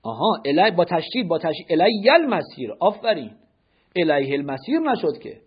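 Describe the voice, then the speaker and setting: In a high, husky, sing-song voice, a man gives a religious lecture, firing one question after another at his audience. His manner is didactic and rhetorical, and the recording sounds dull and lo-fi.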